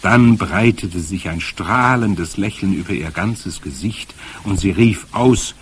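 A man narrating a children's novel in a lively, expressive storytelling manner. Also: low voice, a little slow, a little hiss or hum. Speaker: audiobook reader.

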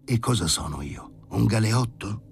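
A man's voice: on the low side, expressive, unhurried, vocal fry, husky, voice pushed up, heavily acted. A man voicing a coarse, cocky man who used to be a stray dog, talking back with brash, sarcastic insolence in an audiobook reading.

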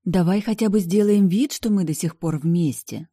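A woman's voice: on the low side, normal speed, dark tone, dry recording, clean studio sound, pitched above the performer's own voice. A reader voicing a petulant young woman who argues and pleads with her former lover in an audiobook. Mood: pleading. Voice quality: pleading, whiny. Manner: indignant, demanding. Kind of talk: audiobook dialogue.

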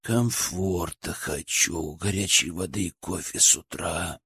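A man voicing a sleepy, skeptical young man in an audiobook, mumbling low with a husky voice. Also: big pitch swings, moderate pace. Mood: grumbling. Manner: low mumbling through clenched teeth.

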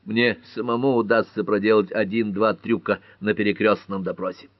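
A man's voice: lowish voice, flat delivery, normal speed, no echo, dull audio, lightly acted. A man doing a blunt old judge. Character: gruff older male small-town judge. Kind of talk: audiobook character voice.

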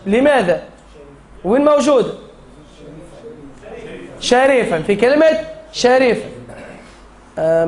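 A man with a Tunisian Arabic accent teaching a Quran recitation class, drilling the students and chanting the rules in verse. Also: high voice.

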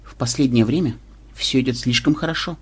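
A man voicing a sharp-tongued young woman officer on a space cruiser, grumbling and quick to alarm. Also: medium pitch, slightly rough, natural voice. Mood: gloomy.

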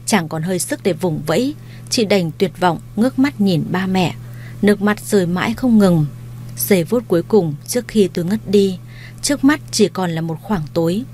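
A woman's voice: medium pitch, a little mellow, a little hiss or hum. Woman narrating a dramatic story. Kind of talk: first-person scripted story narration.

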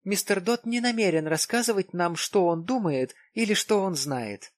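A man voicing a suspicious, sharp-tongued wife in an audiobook, with a raised pitch and icy, pointed delivery. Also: expressive, moderate pace, no room sound, studio quality. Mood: accusing.

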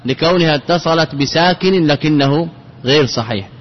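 A man teaching a classical Arabic grammar lesson, repeating each point and asking his students rhetorical questions. His voice sits somewhat high for a man. The recording is dull and lo-fi, with a long reverb that suggests a large hall. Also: moderate pace.

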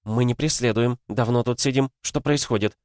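A man's voice: medium pitch, moderate pace, darkish tone, no echo, studio quality, voice pushed up, natural voice. A man voicing a wary woman soldier. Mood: uncertain. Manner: uncertain, questioning. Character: wary young woman fighter in armor. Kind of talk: audiobook reading.

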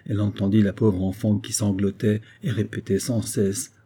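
A soft-hearted carpenter's wife in an old-fashioned storybook, tearful and pleading, her voice rising whenever her grief breaks through, as a male narrator puts her on. The timbre stays husky and dark. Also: lowish voice, flat delivery, moderate pace. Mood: sorrowful. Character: tender, tearful carpenter's wife, middle-aged servant woman.

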